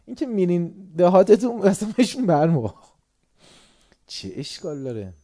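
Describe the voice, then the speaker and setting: A warm-voiced religious lecturer from Tehran, Iran, gives a sermon to a live audience in a high, sing-song voice. He poses questions to his listeners and moves between quiet musing and sudden loud bursts.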